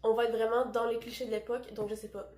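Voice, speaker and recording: A young woman speaks with a Québécois French accent, in a slightly high voice. She chats about books with eager, self-deprecating enthusiasm. Her voice bounces around a roomy space. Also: little pitch movement, fast talker, a little mellow. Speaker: book vlogger. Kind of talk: casual book chat.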